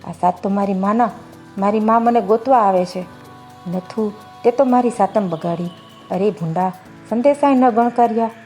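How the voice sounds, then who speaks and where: A woman's voice: mid-range voice, normal speed, warm tone, soft background music, lightly acted. A woman doing a desperate young bride. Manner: pleading, desperate. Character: heartbroken young village bride, pleading.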